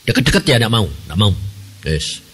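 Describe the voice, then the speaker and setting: A middle-aged man with a Javanese accent preaching a sermon, telling stories in a lively way and often asking the congregation questions. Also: fairly low pitch, normal speed, breathy edge. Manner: animated storytelling, asks the congregation questions. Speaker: evangelist preacher. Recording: reverberant church hall.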